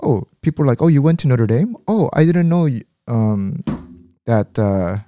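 There's slight background noise as this American-raised man, an interview guest, recounts his story frankly at a moderate pace. His voice is mid-range and warm with lively intonation, and he often starts his sentences over.

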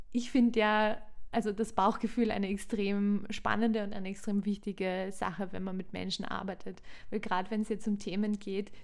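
A woman's voice: mid-range voice, creaky, darkish tone. Woman, counselor co-host, reflective and searching for words, casual chat, hesitates often. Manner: reflective, many hesitation fillers. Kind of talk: casual conversational podcast.

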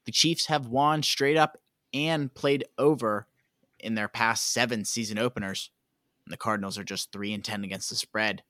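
A man hosting a sports betting show, reading out the lines in a brisk, announcer-like way. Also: medium pitch, steady tone, sharp tone, no room sound, studio quality. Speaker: podcast host.

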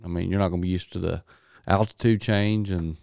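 Male, Southern US accent, low-pitched and smooth, laid-back casual conversation. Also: steady tone, fairly quick, a little mellow, no room sound, studio quality. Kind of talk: casual chat.

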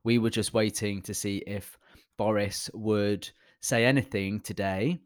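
A man's voice: fairly low pitch, steady tone, unhurried. A British man co-hosting a podcast in casual, wry banter, often starting his sentences over. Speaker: podcast co-host. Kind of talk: casual chat.

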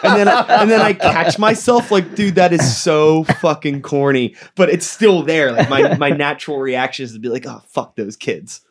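A man's voice: a little high, lively intonation, normal speed, hardly any pauses. A man in his thirties hosting a podcast, chatting casually and swearing freely with lots of "like.". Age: 30s. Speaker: podcast host. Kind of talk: casual chat.

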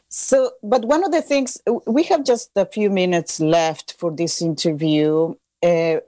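A woman from Chile interviewing a guest, speaking in a measured way with some hesitant fillers. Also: on the low side, warm tone, dry recording. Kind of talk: conversational interview.

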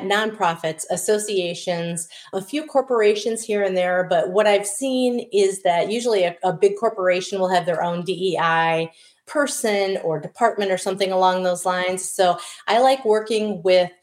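Recorded in a room with noticeable echo, a middle-aged woman from Wisconsin, USA, chats as an interview guest at a moderate pace in a mid-range voice. The diversity consultant has a Wisconsin accent, makes light of herself and frequently restarts what she's saying.

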